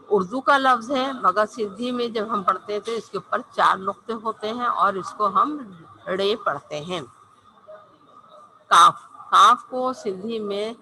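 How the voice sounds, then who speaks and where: A woman's voice: medium pitch, bright, forceful tone, slight background noise, rough recording. A woman teacher giving an online language lesson, patiently spelling out and repeating each letter.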